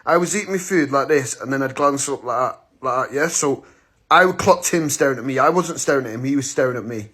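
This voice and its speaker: A man's voice: mid-range voice, brisk, a bit bright, slightly rough. A man in his thirties, a vlogger telling a story straight to camera in a blunt, slangy, casual way. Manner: blunt, slangy, acts out the moments he retells.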